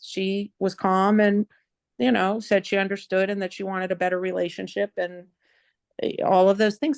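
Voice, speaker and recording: A woman in an online class shares her feelings in a halting, emotional way, full of "you know", over a video call. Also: mid-range voice, vocal fry, clear, resonant tone, dry recording. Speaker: class participant. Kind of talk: personal sharing.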